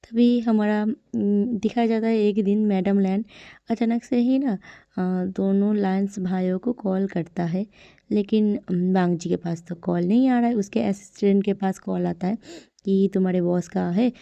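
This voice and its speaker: A woman's voice: mid-range voice, steady tone, unhurried, gravelly, dark tone, dry recording. A woman casually retelling the story of a romance drama, chatty, with frequent fillers and tag questions. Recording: dull, dry lo-fi recording.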